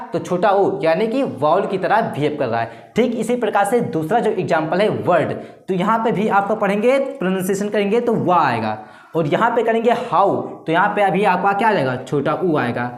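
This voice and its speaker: A man's voice: high voice, big pitch swings, moderate pace, faint music behind. A man teaching a grammar lesson who keeps posing rhetorical questions and answering them himself. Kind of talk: explanatory classroom-style lesson. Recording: roomy echo.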